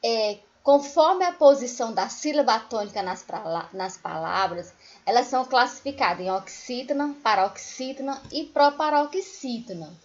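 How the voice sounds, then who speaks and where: A woman primary school teacher, giving a recorded remote lesson to children, explaining patiently and singing example words slowly. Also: fairly high pitch, animated, lo-fi sound.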